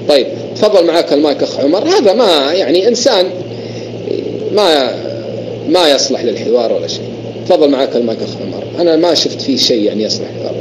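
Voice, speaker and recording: Fast-talking, high-voiced debater man. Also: background noise. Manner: argumentative, stacks points in long rhetorical lists. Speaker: debater in an online voice chat room. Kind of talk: heated religious debate.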